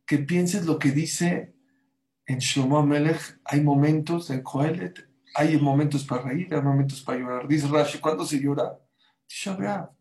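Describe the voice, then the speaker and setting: A man, a rabbi telling lively anecdotes in a panel talk. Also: on the high side, rough recording. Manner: lively anecdotal storyteller, quick asides.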